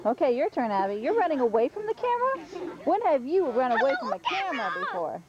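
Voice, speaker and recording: A woman's voice: sits high, huge pitch swings, fast, over a noisy crowd. A woman filming a home video outdoors, cheerfully encouraging a child, heard through old camcorder audio. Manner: cheerful, encouraging, laughs often. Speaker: home video camera operator. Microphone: built-in camcorder mic. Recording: muffled old camcorder audio, faint hiss.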